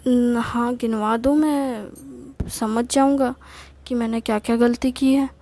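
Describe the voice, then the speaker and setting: A sheepish older husband who stumbles through his words with halting fillers, as a woman narrator voices him. The voice stays high and the delivery unhurried, doting and a little defensive. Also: steady tone, dark tone. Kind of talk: storytelling with acted dialogue.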